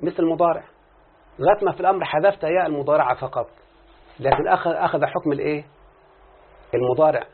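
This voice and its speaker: A man's voice: fairly high pitch, quick pace, long pauses, background noise. A man with an Egyptian Arabic accent teaching a grammar lesson, explaining with examples and often checking that the listener follows. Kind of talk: classroom lesson. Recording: phone-like muffled lecture recording.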